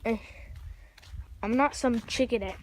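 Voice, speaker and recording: Slow, rambling young woman vlogging. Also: on the high side, slight background noise, poor audio. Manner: chatty, rambling, self-correcting. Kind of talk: casual vlog narration. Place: chicken coop outdoors in the country.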